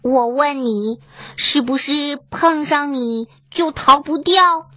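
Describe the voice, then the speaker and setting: A woman voicing a clever, calm little duckling in a children's storybook, speaking earnestly and coaxingly. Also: high voice, slow pace, no room sound, pitched below the performer's own voice, heavily acted. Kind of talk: storybook reading.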